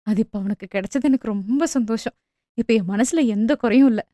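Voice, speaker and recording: A woman's voice: a little high, brisk, mellow, no room sound, clean studio sound, lightly acted. A woman voicing an older loving mother who speaks heartfelt and emotional about her son. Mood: wistful.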